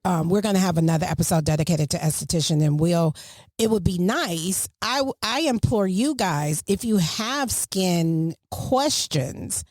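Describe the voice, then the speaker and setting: A middle-aged woman hosts a podcast, chatting casually and motherly, with preachy asides as she gives advice to parents. Her voice is fairly low, expressive, unhurried and a little mellow. The studio-quality recording has no room sound.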